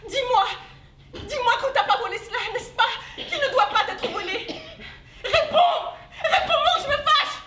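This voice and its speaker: An amateur actress playing a pleading, panicky older sister in a stage play, heard from a distant camera. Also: female voice, moderate pace, long pauses, slight background noise. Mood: frantic. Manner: pleading, then shrill and panicky. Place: theater stage. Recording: echoey hall, distant camera.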